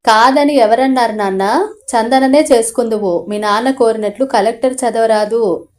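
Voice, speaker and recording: Woman reading as a gentle, soothing mother. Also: fairly high pitch, moderate pace, natural voice. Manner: soothing, pleading. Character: gentle worried middle-aged mother.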